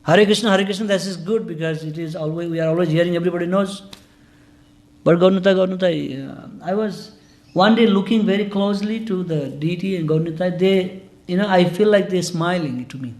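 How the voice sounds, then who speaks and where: A man's voice: sits high, fairly quick, a little mellow. A man from Nepal, giving an earnest, informal scripture class in a temple hall. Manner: earnest, informal, broken English grammar.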